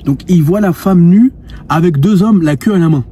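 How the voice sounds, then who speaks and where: Speaking straight to the camera, a twenty-something man who coaches on dating and lifestyle talks earnestly about women and spirituality through an anecdote he keeps restarting. The voice is high-pitched and dark in tone, moving at normal speed, and a faint hiss or hum sits underneath.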